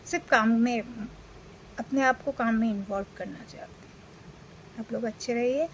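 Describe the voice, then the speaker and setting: Female vlogger, 40s, from India, unwell; relaxed rambling delivery with fillers over faint room noise. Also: on the high side, moderate pace, poor audio. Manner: rambling, with many fillers and restarts. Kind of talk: casual talk to camera.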